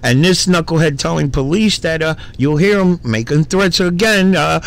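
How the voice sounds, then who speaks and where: A man's voice: on the high side, normal speed, vocal fry, a bit bright. A man hosting a commentary video, talking casually and with exasperation, swearing and using fillers as he reacts to a clip. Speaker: commentary channel host.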